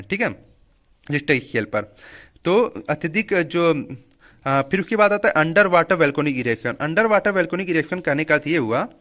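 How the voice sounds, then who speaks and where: Brief: young male teacher, slightly high voice, restates terms, informal lecture tone. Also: fairly bright tone. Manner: explains each term twice, frequent "theek hai" check-ins. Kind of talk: Hindi classroom lecture mixed with English terms.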